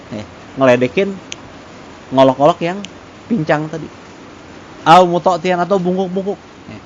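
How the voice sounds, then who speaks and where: Male religious teacher, relaxed conversational lesson with Arabic recitation; muffled lo-fi recording. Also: medium pitch. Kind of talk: casual religious study lesson. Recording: dull lo-fi with faint noise.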